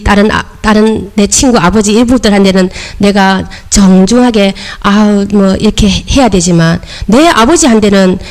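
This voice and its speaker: A middle-aged woman pastor giving a sermon lecture, emphatic and repetitive, coaxing her listeners. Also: mid-range voice.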